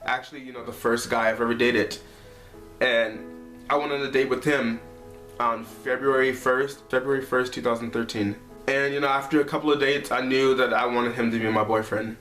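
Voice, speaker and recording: At a normal speed, with fairly even intonation and a fairly bright mid-range voice, a male vlogger in his twenties tells a heartfelt story to camera. He's indoors at his apartment and leans on "like" and "you know." Echo and faint music sit behind him.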